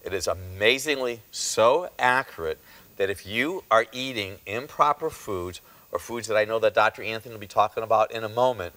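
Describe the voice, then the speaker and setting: A man presents a health talk show as a chiropractor, stressing his points emphatically by slowing down. He speaks in a lowish, bright, forceful voice.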